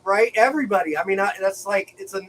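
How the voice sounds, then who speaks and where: A man hosting a casual livestream grow show, talking in an excited, profane, laughing way. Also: sits high, fast, far from the mic, slight background noise, poor audio. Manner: hyped, profane, laughing often.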